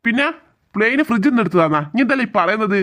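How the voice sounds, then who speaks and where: A woman voicing an exasperated middle-aged husband in a cartoon, scolding quickly. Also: on the high side, expressive, fairly bright tone. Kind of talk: cartoon voice acting.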